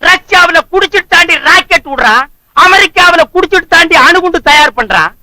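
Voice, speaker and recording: An actor playing a boastful, broke, drunken husband who trades sarcastic insults in a film comedy scene. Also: male voice, extremely high pitch, expressive, fairly quick, dry recording, full character voice, low-quality recording. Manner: sarcastic, mocking, loud insults. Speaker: comic actor.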